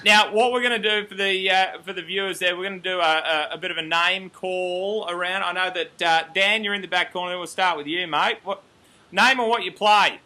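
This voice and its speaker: Australian male host, chatty and jokey, high-pitched and bright-toned. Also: brisk. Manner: upbeat, joking, chatty. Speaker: interview host. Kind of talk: casual chat interview.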